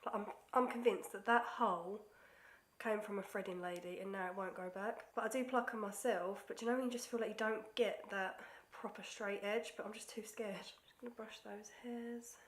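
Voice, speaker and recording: A young woman, stuffy-nosed from a cold, briskly guides viewers through a makeup tutorial in a medium-pitched voice with fairly even intonation. As a beauty vlogger she's chatty and self-deprecating, slipping into near-whispers when she concentrates, and the room sounds echoey.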